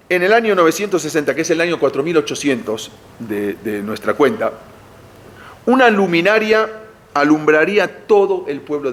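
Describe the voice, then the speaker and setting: Male lecturer, slightly raised pitch, chatty question-and-answer teaching style. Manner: conversational, asks the audience rhetorical questions, frequent "eh" and restarts. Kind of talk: explanatory lecture.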